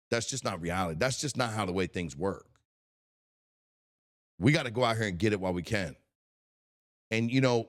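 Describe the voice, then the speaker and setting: A man in his forties hosting a solo motivational podcast, speaking in an impassioned and blunt way, swearing often and repeating words as he thinks. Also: medium pitch. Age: 40s. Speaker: podcast host.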